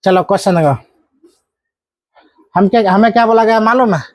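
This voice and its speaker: Male classroom teacher, high voice, call-and-response drilling with scolding asides. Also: normal speed, darkish tone, no room sound. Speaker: math teacher. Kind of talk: live classroom lesson.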